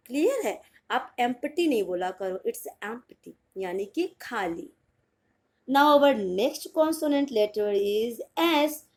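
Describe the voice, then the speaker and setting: A woman with an Indian accent teaching English pronunciation in Hindi, spelling words out letter by letter, repeating them and asking if it is clear. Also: a little high. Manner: checks understanding with "clear?".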